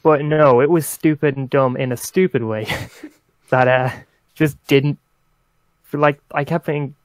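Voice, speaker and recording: A man's voice: fairly high pitch, a little slow, no echo. A young man co-hosting a casual rewatch podcast, hesitant with many ums and wry little laughs. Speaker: podcast co-host. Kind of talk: casual chat.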